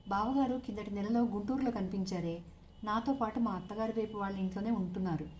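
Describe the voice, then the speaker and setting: A woman voicing an irritable middle-aged man, a brother who scolds and complains loudly. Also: medium pitch, fast, a little hiss or hum, natural voice. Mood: reporting.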